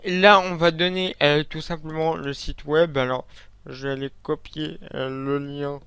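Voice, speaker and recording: A man walks viewers through software on screen in a casual, halting way, full of fillers and restarts. His voice sits a little high and comes across smooth and clear. The sound is close and dry, with no room around it. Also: little pitch movement, no room sound. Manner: hesitant, many fillers and restarts; casual, talks directly to viewers. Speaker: software tutorial host. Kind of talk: screen-recorded coding tutorial.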